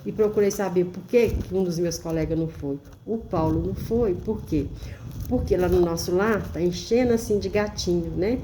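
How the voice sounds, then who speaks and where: A woman telling a story in a gentle, reassuring way, often checking in with her listener. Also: fairly low pitch, normal speed, slight background noise. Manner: gentle, reassuring, keeps asking "né?". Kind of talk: storytelling monologue.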